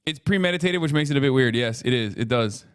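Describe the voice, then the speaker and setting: A man's voice: mid-range voice, animated, fast, clean tone. A man in his thirties, a streamer talking casually and profanely in a rambling way while reacting to a video. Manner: profane, rambling, frequent "you know what I mean".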